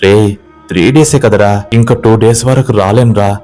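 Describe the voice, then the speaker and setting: A man's voice: lowish voice, steady tone, a little slow, darkish tone, soft background music, natural voice. A man voicing a playful young village woman in a spoken ghost story. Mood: coaxing. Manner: playful, scolding and coaxing.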